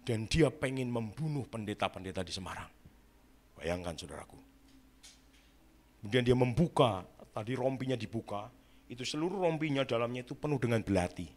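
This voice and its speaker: A man's voice: medium pitch, animated, a little fast. A male pastor, telling a story in a dramatic sermon and often turning to address his listeners.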